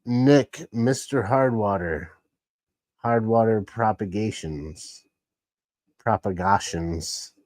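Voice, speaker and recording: A man's voice: mid-range voice, measured pace, long pauses, a little mellow, no echo. A man casually hosting a live stream, rambling along and greeting chat viewers by name. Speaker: livestream host.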